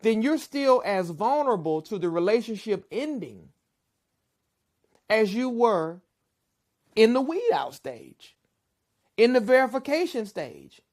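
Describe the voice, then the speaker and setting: A woman giving measured, persuasive relationship advice in a documentary interview. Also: fairly high pitch, sing-song, a little mellow. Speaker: relationship speaker.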